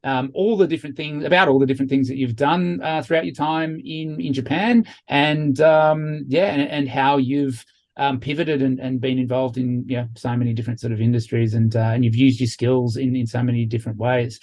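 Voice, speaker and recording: A man's voice: mid-range voice, fairly even intonation, fairly quick, a little mellow. A man hosting a podcast, asking long, rambling questions full of fillers and restarts. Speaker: podcast host. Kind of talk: casual interview.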